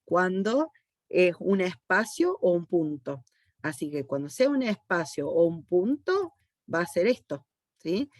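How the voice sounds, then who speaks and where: A woman's voice: lowish voice, no echo, studio quality. Patient Argentine woman teaching code. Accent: Argentine Spanish. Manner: patient, checks understanding with frequent "¿sí?". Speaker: university teacher. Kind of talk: explaining code step by step to students.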